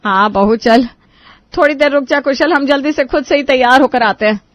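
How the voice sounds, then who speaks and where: A woman's voice: sits high, moderate pace, no echo, natural voice. Woman voicing a fussy groom's mother. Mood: fretful. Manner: dramatic, complaining.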